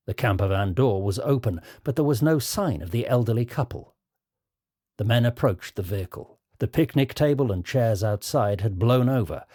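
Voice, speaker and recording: A British man narrating a story in a measured, dramatic reading. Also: fairly low pitch, darkish tone. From Britain. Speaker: author and narrator.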